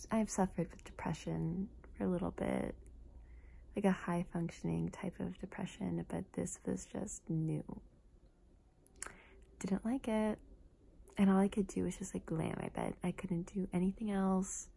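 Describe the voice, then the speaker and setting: A woman speaking softly in a casual, personal ASMR style, hushed and breathy, often slipping into a whisper. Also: mid-range voice, unhurried, long pauses. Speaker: ASMR content creator. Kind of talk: soft-spoken ASMR, casual personal talk.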